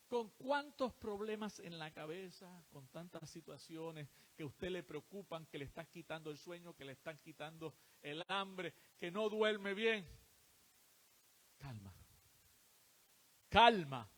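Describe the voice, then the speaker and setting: A man's voice: high voice, sharp tone. A man preaching a sermon, asking the congregation rhetorical questions and answering them himself.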